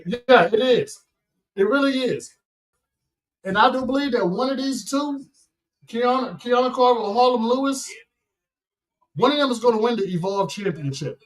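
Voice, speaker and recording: A man hosting a watch-party stream, calling the action excitedly and giving blunt opinions in a casual chat. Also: high voice. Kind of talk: casual live-stream commentary.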